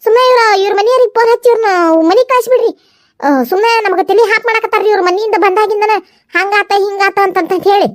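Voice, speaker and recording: A flustered young daughter-in-law, voiced by a woman with a North Karnataka accent, who stammers nervously. Her voice is squeaky and very high, and it sits a little back from the mic on a dry track. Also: steady tone, fast talker, dry recording. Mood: puzzled. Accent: North Karnataka Kannada.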